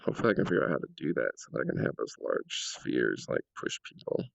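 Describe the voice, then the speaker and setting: Speaking fast with big swings in pitch, a man whose low, gravelly voice is a bit rough from a cold thinks aloud while trying things in a game he built. It's casual commentary packed with fillers, recorded on a home mic that sounds dry, slightly dull, and free of room sound.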